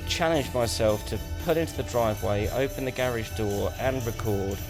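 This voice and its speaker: Male co-host, joking vlog voice-over, mid pitch, music bed under him. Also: moderate pace. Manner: jokey, teasing, lively narration. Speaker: co-host, husband.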